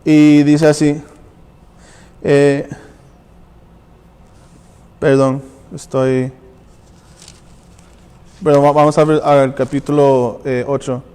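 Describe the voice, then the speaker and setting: A man's voice: a little high, level tone, drawn-out words, long pauses, mellow, clear, resonant tone, long reverb tail. A man preaching and reading scripture aloud, often stumbling and restarting words. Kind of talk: sermon with Bible reading. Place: church.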